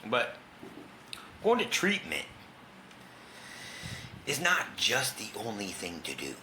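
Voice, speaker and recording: A man's voice: lowish voice, huge pitch swings, slow pace. A middle-aged man, telling his own story in a raw, candid way, swearing and acting out what others said. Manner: raw, candid, swears, acts out quoted voices. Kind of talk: personal storytelling in a talk show. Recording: faint background noise.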